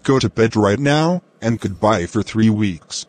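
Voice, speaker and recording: A man's voice: on the low side, expressive, a little slow, no echo. A man's voice doing an angry scolding dad.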